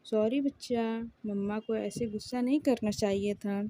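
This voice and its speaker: A woman voicing Meena, a loving mother who speaks tenderly and scolds gently. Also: fairly high pitch, normal speed, a little hiss or hum, close to an everyday voice, poor audio. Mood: apologetic. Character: loving, worried mother, middle-aged.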